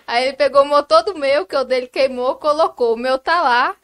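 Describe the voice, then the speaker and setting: A woman with a high voice talks informally as an interviewer. Her style is that of a casual chat. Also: a little fast, fairly bright tone.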